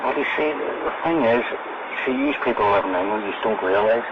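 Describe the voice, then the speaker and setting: Low-voiced Belfast man on muffled hidden-mic tape. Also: animated, fast talker, noisy background. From Northern Ireland. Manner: tags phrases with "right?" and "you know". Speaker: informant being interviewed. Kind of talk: covertly recorded conversation. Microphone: hidden microphone.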